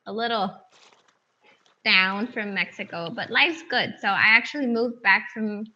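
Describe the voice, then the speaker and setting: Bright, chatty Colombian-born woman guest. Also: mid-range voice, measured pace, dull audio. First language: Spanish. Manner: cheerful, chatty, laughs easily. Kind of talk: casual video-call chat.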